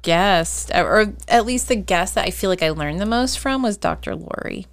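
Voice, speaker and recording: A woman's voice: medium pitch, expressive, normal speed. A woman who used to co-host a podcast, chatting casually in a studio in a self-deprecating way.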